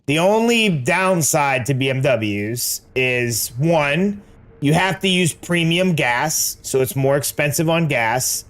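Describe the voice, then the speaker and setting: Slangy American man, slightly high voice. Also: expressive, takes it slowly, fairly bright tone. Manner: slangy, says dude and like often. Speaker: game streamer. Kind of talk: casual chat while gaming.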